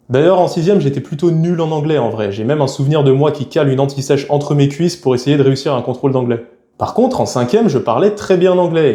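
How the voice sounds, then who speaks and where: A man's voice: medium pitch, dark tone, roomy sound. A young man from France talking frankly and casually to camera in a vlog, with a chatty, slangy way of speaking. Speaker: YouTuber.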